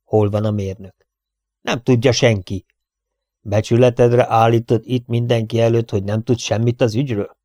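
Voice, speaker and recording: Egy férfi, aki egy indulatos, fenyegető öreg farmert szólaltat meg egy hangoskönyvben, parancsoló, nyers modorban. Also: male voice, mid-range voice, fairly even intonation, dark tone, no echo, studio quality, close to an everyday voice. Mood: menacing. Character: old hot-tempered male rancher, threatening.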